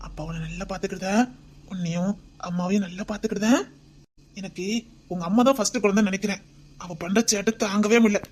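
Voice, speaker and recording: A woman's voice: mid-range voice, a little mellow, lightly acted. A woman with a Tirunelveli Tamil accent voicing a doting young husband and father-to-be, tender and pleading, often near a whisper. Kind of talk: homemade web drama.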